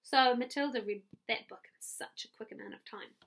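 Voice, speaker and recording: A woman's voice: fairly high pitch, moderate pace, creaky, a bit bright. A woman with a New Zealand accent reading a chapter book aloud to children as their teacher, friendly and stopping for little asides.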